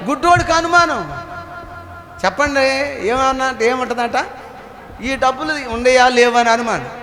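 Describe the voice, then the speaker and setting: A man's voice: extremely high pitch, moderate pace, slight background noise. A man pastor preaching a sermon in a church hall, telling humorous stories and calling on the congregation to answer him aloud. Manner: calls on the congregation to answer aloud, animated and playful. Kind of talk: Telugu sermon with humorous storytelling. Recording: echoey hall with long reverb.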